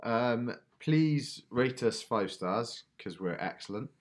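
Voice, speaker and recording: A man's voice: medium pitch, expressive, slow. Dry-humored male podcast host. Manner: dry, joking. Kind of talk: casual podcast chat.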